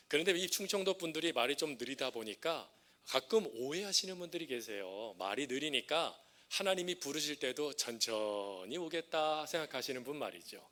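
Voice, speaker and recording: Middle-aged male pastor from Chungcheong, bright, forward tone, preaches with jokes and questions to the pews. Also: medium pitch. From Chungcheong region, South Korea. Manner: humorous storytelling, asks the congregation questions. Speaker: senior pastor. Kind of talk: sermon.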